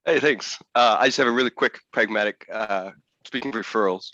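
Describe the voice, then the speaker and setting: A man's voice: fairly low pitch, a little fast, pushed and bright, no room sound. A man asking a casual question in an online session, searching for words. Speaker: audience member asking a question. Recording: dry, dull lo-fi call audio.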